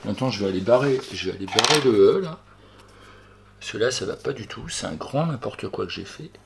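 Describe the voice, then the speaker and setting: A primary school teacher goes through spelling exercises with a young pupil, chatting directly to the child and often correcting his own slips out loud. His voice is on the low side, animated and fairly quick, with vocal fry, and there's a little hiss or hum.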